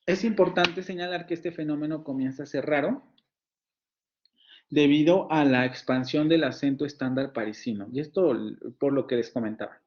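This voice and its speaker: A man's voice: a little high, moderate pace, dull audio. A man with a Mexican Spanish accent giving an online university phonetics lecture, explaining patiently and repeating words as he demonstrates sounds.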